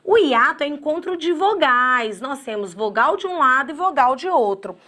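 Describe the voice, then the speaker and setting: A Brazilian woman teaches grammar in an exam-prep lecture, addressing her students directly, spelling words slowly syllable by syllable and acting out their objections. Her voice is high-pitched, bright and expressive, with a forceful tone.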